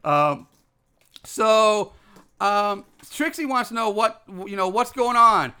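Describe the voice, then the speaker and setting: A man co-hosting a podcast, retelling a movie in a halting, informal way. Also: sits high, animated, sharp tone, clean tone. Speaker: podcast co-host. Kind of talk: casual movie recap chat.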